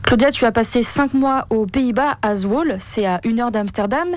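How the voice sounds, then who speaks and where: Higher-voiced woman reporter, dry sound. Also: moderate pace, dry recording. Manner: clear, scripted questions. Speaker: radio reporter. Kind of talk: radio report and interview.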